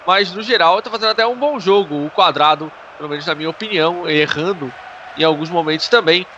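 Brazilian guy doing football analysis, bright explanatory voice, kinda muffled live broadcast with faint noise. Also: on the high side, fairly quick. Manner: explanatory, frequent checking tags. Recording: dull noisy sports broadcast.

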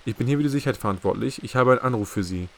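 A man's voice: mid-range voice, rapid-fire, vocal fry, lightly acted. A man voicing a wary male security chief who speaks formally and carefully.

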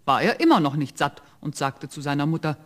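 A man's voice: fairly high pitch, lively intonation, fairly quick. A man narrating a fairy tale in scripted storytelling style.

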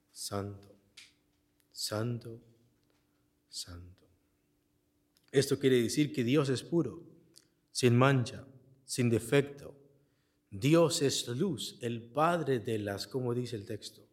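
A man preaching a Bible exposition sermon in a church, reading scripture verse by verse and pausing to ask the congregation to fill in the key word. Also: mid-range voice, a little mellow. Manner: asks the congregation questions and leaves the answer word for them to fill in; reads scripture aloud and explains it verse by verse. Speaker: pastor.

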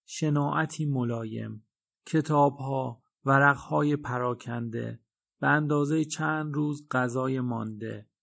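A man with a gravelly voice narrating a novel as an audiobook. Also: mid-range voice. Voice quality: gravelly, creaky voice.

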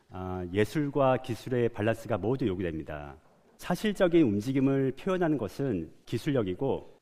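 A man's voice: mid-range voice, darkish tone. A man from South Korea giving a prepared public talk as an animator. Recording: long hall reverb.

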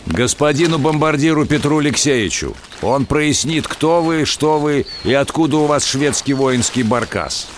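A man playing a gruff, suspicious tsarist soldier in a radio adventure drama, barking orders in folksy old-fashioned speech. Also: on the high side, lively intonation, moderate pace, hardly any pauses, background noise, close to an everyday voice. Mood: stern, suspicious. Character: gruff, suspicious soldier of Peter the Great's guard.

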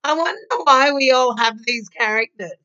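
A woman's voice: high voice, expressive, normal speed, bright, forceful tone. A woman co-hosting a podcast, chatting casually with an agreeable, giggly manner. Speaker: podcast co-host. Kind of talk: casual chat. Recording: dull lo-fi sound.

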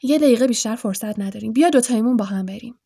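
A woman voicing an eager, excitable boy wizard in an audiobook, talking in quick, urgent bursts. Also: breathy edge. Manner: quick, urgent, high-pitched outbursts. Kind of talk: audiobook character voice.

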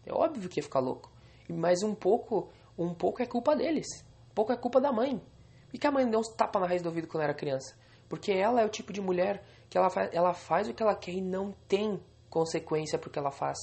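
A man's voice: sits high, expressive, quick pace, gravelly, darkish tone. A young man venting angrily and swearing on a solo podcast recorded alone at home.

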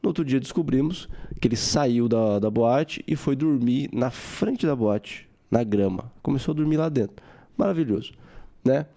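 A young man hosting a podcast, telling a personal story in a casual, animated way with some swearing. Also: medium pitch, normal speed, gravelly. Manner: animated, swearing, acts out his own quotes. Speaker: podcast host.

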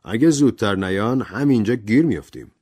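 A man's voice: fairly low pitch, animated, mellow, breathy edge, voice pushed up. A man doing a sardonic, mocking adventurer. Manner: mocking, provocative.

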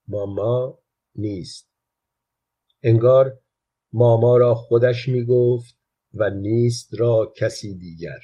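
A man reading a literary short story aloud in a quiet, even storytelling manner, with a husky voice. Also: fairly low pitch, dull audio. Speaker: narrator.

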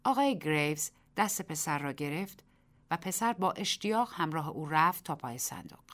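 A woman reading a short story aloud as the narrator of a radio program, measured and expressive. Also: deep voice.

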